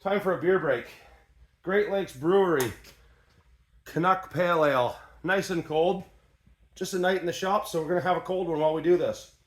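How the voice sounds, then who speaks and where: A man's voice: on the high side, normal speed, long pauses, slight background noise. A man in his workshop, casually demonstrating an old tool in a folksy, plain-spoken way, with ratchet clicks behind him. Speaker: tradesman demonstrating an antique tool.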